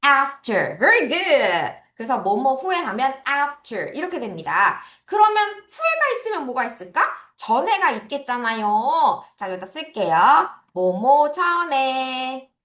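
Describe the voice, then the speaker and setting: A Korean woman leads children through English vocabulary, her voice set high and swinging widely as she drills each word. She speaks slowly and deliberately, and the sound carries the echo of a roomy space. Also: big pitch swings, a bit bright. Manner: drills words, repeating and correcting pronunciation. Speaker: English teacher.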